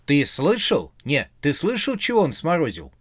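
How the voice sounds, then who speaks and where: A man's voice: on the high side, huge pitch swings, normal speed, a bit bright, slightly rough, no echo, full character voice. Brief: irritable young witch, man reading, scolding, exasperated retorts, dry close sound.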